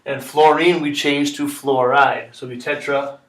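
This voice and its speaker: A man's voice: mid-range voice, steady tone, moderate pace. Male teacher, patient step-by-step explainer; echoey classroom, distant mic. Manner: patient, repeats steps, checks in with "okay?". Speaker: chemistry teacher. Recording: echoey room, mic far off.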